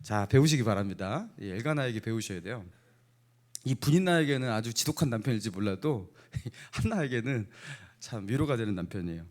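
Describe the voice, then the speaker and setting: Animated Korean pastor quizzing his congregation. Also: on the low side, brisk. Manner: asks the congregation playful either-or questions, chuckling. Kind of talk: sermon. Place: church sanctuary.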